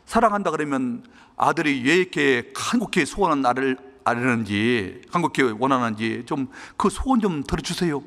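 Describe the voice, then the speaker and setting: A male pastor preaches a sermon and tells an earnest, emotional personal story. His pitch rises and falls widely as he speaks. His voice carries a long reverb from the church hall. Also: fairly bright tone.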